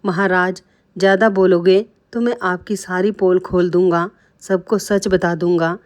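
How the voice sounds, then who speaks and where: A woman's voice: lowish voice, steady tone, a little slow, natural voice. A woman reading aloud the lines of a simple-minded, strong male wrestler in a storybook tale, in plain and earnest dialogue.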